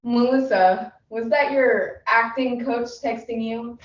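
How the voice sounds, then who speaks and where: Brief: impatient casting director, played by a woman, deliberate and dry, dull distant sound. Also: on the high side, steady tone. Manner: clipped, dry, quick instructions. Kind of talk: competitive humorous interpretation. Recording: echoey room, distant mic, dull sound.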